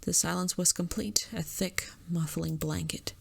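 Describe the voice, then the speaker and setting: A woman's voice: on the low side, fairly even intonation, a little slow, vocal fry, husky. A young woman reading a visual novel aloud, casual and giggly, stumbling over words with side comments. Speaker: gaming channel host.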